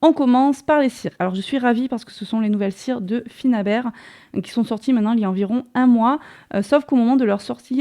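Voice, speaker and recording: A woman with a French accent hosts a casual crafting haul vlog. Her voice sits a little high but sounds soft and mellow. She chats along easily, often pausing on small fillers and restarting her sentences. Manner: chatty, many fillers and restarts. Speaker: crafting channel host.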